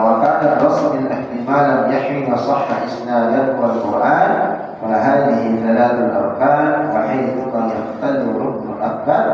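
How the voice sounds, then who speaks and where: A man teaching Quran recitation rules in a prayer room, explaining reading mistakes and slowly chanting Arabic examples, and pausing on fillers while he thinks. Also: medium pitch, a little hiss or hum. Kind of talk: tajwid lesson to a congregation. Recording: distant, dull and echoey in a hall.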